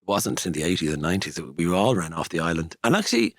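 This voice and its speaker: An Irish man in his fifties talks fast in casual chat, his voice sitting a little low. He tells stories with quick asides. The sound is dry and close. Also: sing-song, a bit bright, no echo. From Ireland. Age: 50s. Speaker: guest.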